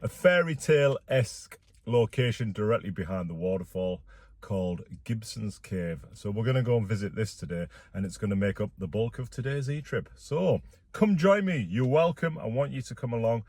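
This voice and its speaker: A man's voice: lowish voice, lively intonation, normal speed, a little mellow, no echo. A man chatting casually and directly to his viewers as a vlog host, sitting inside a car. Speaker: vlogger, YouTube host. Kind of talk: casual vlog talk to camera.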